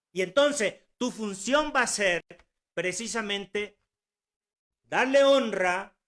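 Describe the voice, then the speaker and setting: The voice of this man in his sixties sits high and has a sharp edge. He delivers an earnest, exhorting sermon at home, repeating himself and posing rhetorical questions.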